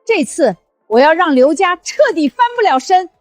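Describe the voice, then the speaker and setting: A woman's voice: high-pitched, sing-song, normal speed, no echo, faint music behind. An actress playing an imperious elderly woman who heads a wealthy family, giving clipped commands in a short drama. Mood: commanding. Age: older.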